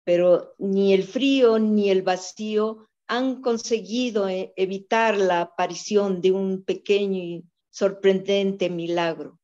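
A middle-aged woman hosts an online exhibition opening in a slow, measured way. Her delivery is slightly formal and sits at a medium pitch. The sound is dull, lo-fi video call audio. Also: fairly even intonation, warm tone. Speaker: gallery host and painter. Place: home room. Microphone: video call, camera a few feet away.

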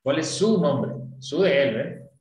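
A man's voice: on the high side, animated, slow pace, a little mellow, roomy sound, a little hiss or hum, poor audio. A man teaching an online English class, explaining patiently and often checking that students follow. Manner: patient, often checks understanding with tag questions.

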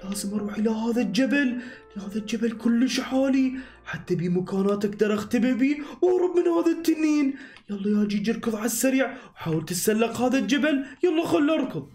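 A man voicing an excitable young hero on the run. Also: extremely high pitch, fast. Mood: sad. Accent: Iraqi Arabic. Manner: breathless, excitable, talks to himself. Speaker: voice actor and channel host. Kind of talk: animated game-movie voice acting. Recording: echoey room with background music.

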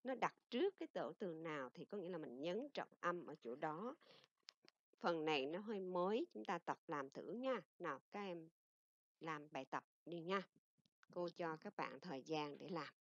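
A woman English teacher with a Vietnamese accent giving a recorded lesson, explaining in Vietnamese and reading English example sentences slowly and carefully. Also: deep voice, expressive, no echo. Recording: dull lo-fi dry recording.

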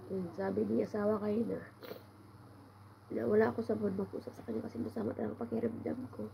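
Woman vlogger, stuffed-up voice, rough and low-toned, rambling and sighing through a home story. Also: big pitch swings, quick pace, dark tone, a little hiss or hum, poor audio. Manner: meandering, with frequent sighs of complaint. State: congested, voice roughened by a cold.

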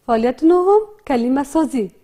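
A woman teaching a reading lesson with an Afghan Dari accent, slowly breaking words into syllables and sounds and repeating each one. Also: high-pitched, lively intonation, warm tone. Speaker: primary school teacher. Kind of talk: slow, repetitive literacy lesson.

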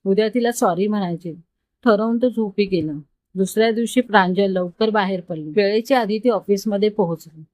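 A woman storyteller reading an emotional story aloud in a calm, measured manner. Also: mid-range voice, dry recording. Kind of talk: scripted story narration.

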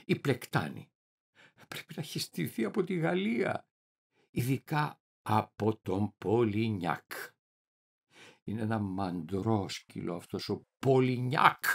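A man performing a theatrical reading as a deluded, paranoid middle-aged clerk, swinging wildly between shouting and muttering. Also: mid-range voice, animated, gravelly. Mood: bewildered, paranoid. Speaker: reader of a dramatic monologue.

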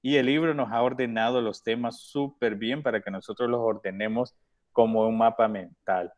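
A man's voice: medium pitch, fairly even intonation, normal speed, a little mellow, lo-fi sound. Man teaching English to young children. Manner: patient, repeats words often. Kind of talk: online class instruction.

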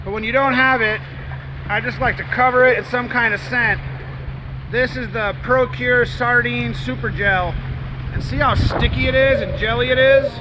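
A man in his thirties, with a very high voice, speaks at a moderate pace and a steady tone into an action camera on a rocky ocean jetty. This fishing vlogger keeps things easygoing and chatty, explaining as he goes. Background noise and music run beneath his talk.

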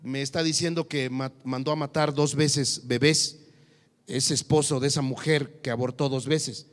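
A man preaching a sermon as pastor, emphatic and swinging from soft to loud. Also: mid-range voice, steady tone, normal speed. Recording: long reverb of a church hall.

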